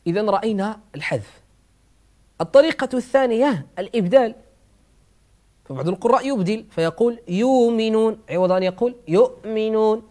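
A male Quran recitation teacher giving an explanatory lesson, slowly repeating words aloud to demonstrate how each sound is made. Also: high voice, a little mellow.

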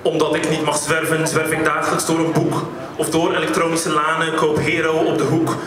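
A male slam poet delivers rhymed lines in a steady, rhythmic cadence, his voice slightly raised in pitch. He sounds set back from the microphone, his words washing around a very reverberant hall over a clear layer of background noise. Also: a little fast. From Netherlands. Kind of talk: performed spoken-word poetry. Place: live venue hall. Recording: echoey hall, distant mic, background noise.

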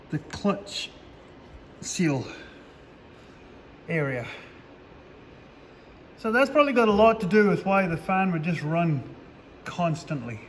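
A man's voice: sits high, in a large hall, a little hiss or hum. A man, a farmer doing his own repairs, talking casually through the job in a plainspoken way with dry sarcastic humor, recorded in a farm workshop. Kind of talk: casual how-to vlog narration.

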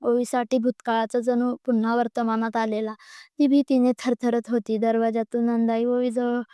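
A woman narrates a story in a steady, even read, her voice smooth and mellow. Her pitch sits fairly high but barely moves. The sound is close and dry. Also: moderate pace, dry recording. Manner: steady, even reading with occasional slips.

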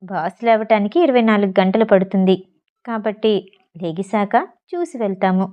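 A woman voicing a suspicious, stern male gang member in an audio novel, giving gruff, distrustful orders in a lowered voice. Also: steady tone, moderate pace, muffled recording, lightly acted.

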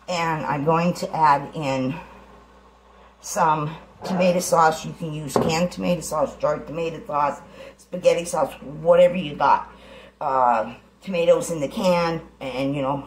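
For her channel, a middle-aged home cook gives an easygoing recipe demo in her kitchen, chatting through each step in a homey manner. Her low voice is steady in tone and unhurried. The audio, from a camera on the counter, is echoey with faint pot clatter and a little hiss or hum.

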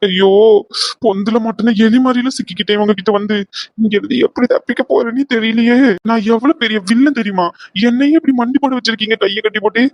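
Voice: medium pitch, fast, dry recording, muffled recording, natural voice. A performer voicing a captured villain in a cartoon, a boastful man turned whiny coward who grumbles and pleads comically.

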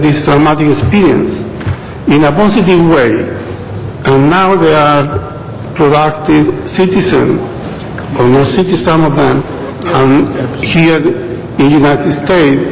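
A man representing a clinic speaks to a city council in careful, slow, English. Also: on the high side, creaky. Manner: slow, careful non-native English phrasing. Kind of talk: formal public statement. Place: council chamber. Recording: echoey council chamber, long reverb, faint noise.

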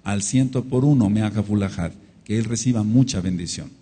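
Long hall reverb surrounds this man as he teaches a congregation. He speaks with a Mexican Spanish accent in a warm, lowish voice at normal speed, delivering a sermon-style Torah study with repeated phrases and cries of amen and hallelujah.

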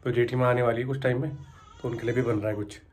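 A man's voice: mid-range voice, fairly even intonation, fast, darkish tone. A man narrating a casual family vlog at home, chatty and doting, talking to his baby in between. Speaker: vlogger. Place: home, indoors.

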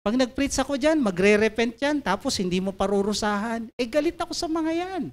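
A woman's voice: sits high, normal speed, pitched above the performer's own voice, lightly acted. A woman voicing a bitter, sulking male prophet in a resentful, complaining first-person retelling.

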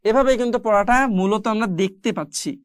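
A woman teaching Quran recitation in an online lesson, explaining step by step, asking and answering her own questions, and chanting the examples slowly. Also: mid-range voice, fairly even intonation, darkish tone, smooth, no echo, studio quality. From Bangladesh.

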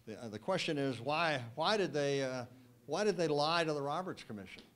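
An older man, a guest speaker, answering audience questions with wry, emphatic, measured replies into a handheld microphone in a wood-panelled banquet room. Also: fairly high pitch, animated, fairly bright tone. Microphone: handheld mic.

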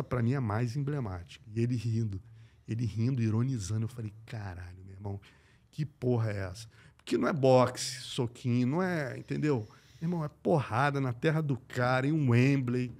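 A middle-aged man with a Brazilian accent, a guest telling a sports story in slangy, profane speech. He swings between loud and hushed and acts out the voices in his quotes. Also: medium pitch, normal speed. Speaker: podcast guest, combat sports journalist. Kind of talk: animated anecdote telling.

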